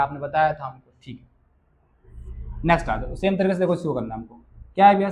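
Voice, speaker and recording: A man teaches a maths class. He keeps it casual and chatty, repeating each key point and coaxing the students along as he works through the problems. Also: sits high. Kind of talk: classroom lesson explaining solutions.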